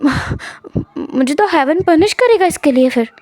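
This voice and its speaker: Woman doing a shy young guy who stammers a lot, high light voice, timid, dry close sound. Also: lively intonation, measured pace, darkish tone, no room sound. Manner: stammering, hesitant.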